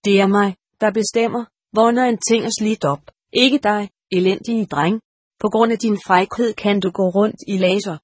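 A woman's voice: medium pitch, fairly even intonation, breathy edge, no echo, studio quality, natural voice. A woman voicing a pompous, irritable old male monastery steward who scolds and grunts to himself, in an audiobook. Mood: scolding. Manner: blustering, scolding, grunts "hmmm". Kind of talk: audiobook character voice.

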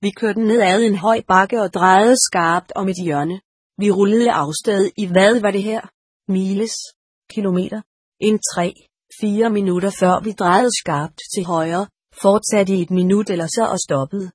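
A woman calmly reading a story aloud as an audiobook narrator. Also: mid-range voice, breathy edge, no echo, clean studio sound. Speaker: audiobook reader.

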